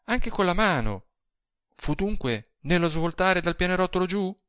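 A man's voice: on the high side, very animated, slow, bright, forceful tone, no room sound, voice pushed up, full character voice. A man reading an audiobook, voicing a small, frail young woman who pleads anxiously.

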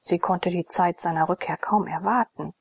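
A woman narrating a classic novel as a whispered audiobook reading, in a soft, slow, half-whispered storytelling manner. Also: on the low side, steady tone, vocal fry, breathy edge, dry recording.

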